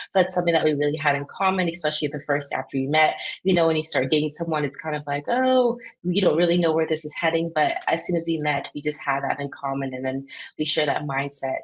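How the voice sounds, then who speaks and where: A woman's voice: sits low, rough recording. A young adult woman from Canada, talking earnestly as a guest on a podcast interview, with frequent fillers. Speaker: podcast guest, business co-founder. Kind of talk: casual interview chat.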